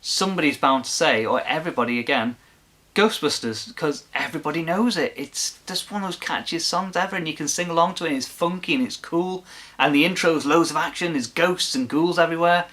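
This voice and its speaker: A man's voice: a little high, fast, fairly bright tone. A man hosting his own video, talking casually and gushing with enthusiasm in a rambling way. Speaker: video host. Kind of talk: casual chat to camera.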